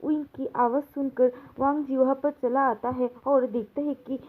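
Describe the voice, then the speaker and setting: High-pitched woman reading fan fiction. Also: fairly even intonation, normal speed. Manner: casual storytelling mixing Hindi and English, with fillers. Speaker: fanfiction narrator. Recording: tinny phone-like audio.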